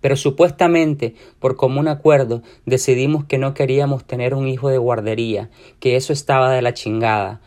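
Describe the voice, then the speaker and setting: A man's voice: medium pitch, steady tone, moderate pace, few pauses, a little mellow. A man with a Mexican accent reading a short story aloud in a casual, slangy first-person voice. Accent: Mexican Spanish. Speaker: reader.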